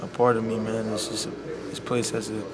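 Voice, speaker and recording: A young man, a college basketball player speaking softly and sincerely in a media scrum, leaning on "you know.". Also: lowish voice, level tone, a little fast, a loud crowd. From Bahamas. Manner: soft-spoken and heartfelt, full of "you know". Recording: loud background noise.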